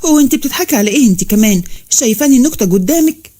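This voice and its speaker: A woman's voice: on the high side, animated, racing. A woman voicing a fierce, hot-tempered young nurse who speaks sharply, with an Egyptian accent. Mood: indignant. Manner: sharp and indignant.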